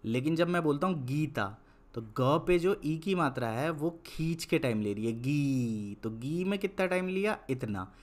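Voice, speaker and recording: A young man teaching Hindi in an online lesson. He is patient, explains slowly, repeats words, and turns blunt when he lectures. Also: fairly high pitch, lively intonation.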